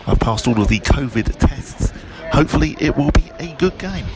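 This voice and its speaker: Over music, a radio presenter chats casually about his arrival, narrating from a car and then while walking outdoors at a stadium, and later discusses it in the studio. His voice is fairly high and expressive at a moderate pace. He comes across as chatty and self-deprecating, using lots of fillers.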